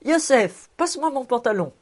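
A woman narrator puts on a big-hearted, jovial bachelor for a storybook reading. He talks in a hearty, expansive way and commands the room with good humour. His voice rises and falls with lively swings. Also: sits high, moderate pace, voice pushed up. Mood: jolly. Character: jovial, generous middle-aged bachelor man.

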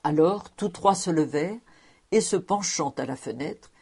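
Woman reading a classic novel aloud, mellow low husky voice, measured. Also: animated. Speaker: audiobook reader.

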